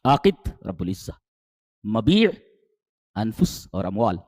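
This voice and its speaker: A man delivering a sermon. His pitch swings widely, jumping to emphatic highs and sinking low. The sound is dry and close, with no room echo. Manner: animated, rising to high emphatic peaks then dropping low, rhetorical questions. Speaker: Islamic preacher. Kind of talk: Urdu sermon with Quranic exegesis.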